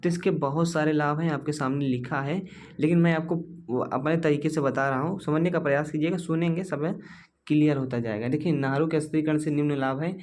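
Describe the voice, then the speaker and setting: A man's voice: fairly high pitch, fairly even intonation, a little fast, darkish tone, slight background noise. A male teacher giving an exam-focused lecture, explaining step by step with many rhetorical questions and calling the students dear and brother.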